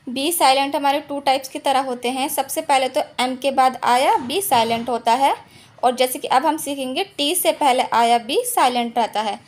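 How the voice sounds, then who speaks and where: A woman's voice: sits high, normal speed. A woman teaching English silent letters in an online lesson, patiently repeating each rule and asking herself questions before answering them.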